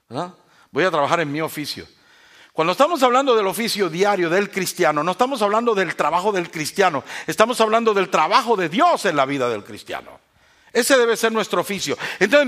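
A man preaches to his congregation in a fairly high voice. He swings from loud, lively bursts down to quiet, drawn-out reflection and drops in teasing jokes between verses. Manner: animated, joking with the congregation. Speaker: pastor. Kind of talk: sermon.

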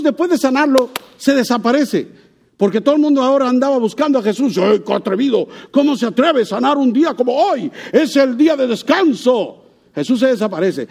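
Animated high-voiced male preacher. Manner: animated preaching, asks the congregation questions. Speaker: pastor. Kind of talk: sermon.

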